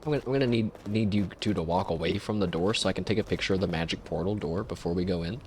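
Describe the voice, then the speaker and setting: A man gives casual let's-play commentary, chatty and self-mocking as he plays. His voice sits fairly low. A faint ambient hum runs behind him. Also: fast talker. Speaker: gameplay commentator.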